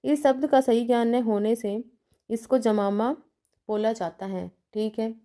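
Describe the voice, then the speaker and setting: Female lecturer, methodical, list-by-list delivery; pitched a little high, dark and mellow in tone. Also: normal speed. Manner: methodical, enumerating numbered points with examples; checks in with "theek hai" between points. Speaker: teacher educator.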